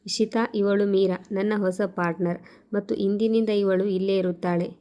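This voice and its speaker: Cold ambitious young husband from a storybook tale, read by a woman narrator, flat and even, level tone. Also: mid-range voice, moderate pace, close to an everyday voice.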